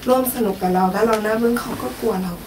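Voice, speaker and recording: A woman teacher answering questions in a coaching session, speaking softly in short replies. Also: fairly high pitch, rapid-fire, roomy sound, distant mic, background noise. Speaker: teacher and workshop participant.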